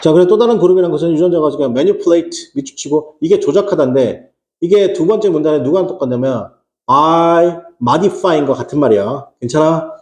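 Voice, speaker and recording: A man's voice: fairly high pitch, fairly quick, darkish tone, roomy sound. A man teaching English exam prep in Korean, asking rhetorical questions and answering them himself, with casual slang asides. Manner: rhetorical questions, repeats "어떻게 한다?".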